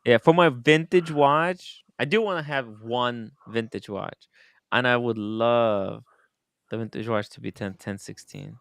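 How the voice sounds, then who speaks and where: Male podcast host, crisp mid-range voice, casual and excitable, dry recording. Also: medium pitch, unhurried, dry recording. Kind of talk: casual chat.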